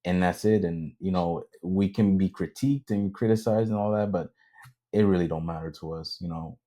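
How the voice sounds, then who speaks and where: In a casual chat, the male podcast co-host talks at normal speed in a deep, mellow voice. He's hesitant, using many ums, and now and then switches into Spanish.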